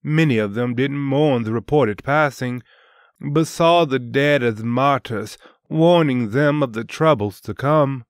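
Slow, solemn male storyteller. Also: medium pitch, clean tone, dry recording, studio quality. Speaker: host and storyteller. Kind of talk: dramatic scripted narration of a dark story.

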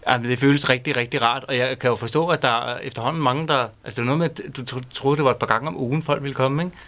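A man's voice: medium pitch, steady tone, a bit bright. A man, a radio host, talking while being shaved in a studio, slightly tense and laughing. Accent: Danish.

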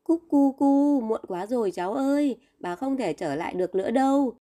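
A cooing, parched old grandmother turned bird, as a woman storyteller puts her on, weary and sorrowful. Her voice sits higher than the narration, with a mellow, warm tone. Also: lively intonation, moderate pace, close to an everyday voice.

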